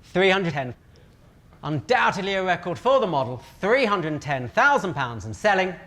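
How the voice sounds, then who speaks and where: A British man working as a fine art auctioneer, calling live bids with formal patter, measured repetition and a showman's poise. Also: sits high, sing-song, pushed and bright.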